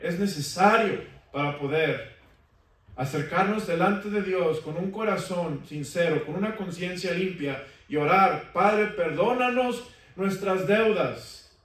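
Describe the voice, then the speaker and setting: A man preaches in a church sanctuary, his voice set a little high for a man and heard from far off. The room rings with heavy echo. He keeps asking the congregation questions for them to answer back. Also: a little slow, fairly bright tone. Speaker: pastor. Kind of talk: sermon.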